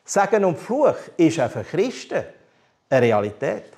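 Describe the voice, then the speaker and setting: A man's voice: on the high side, big pitch swings, a little slow, a little mellow. A man with a Swiss German accent preaching a candid personal testimony, telling his story with animation and humor. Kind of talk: testimony sermon.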